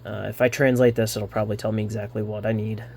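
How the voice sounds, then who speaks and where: A man rambling through a card unboxing, halting often with fillers and restarts, a little winded. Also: on the low side, level tone, vocal fry, darkish tone, slight background noise. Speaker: card unboxing channel host. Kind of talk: casual unboxing commentary.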